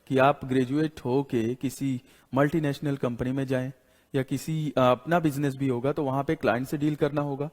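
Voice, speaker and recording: A male teacher giving a classroom lecture. He explains slowly, repeats his points and keeps asking "got it?", mixing English words into Hindi. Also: on the high side, darkish tone. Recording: long hall reverb.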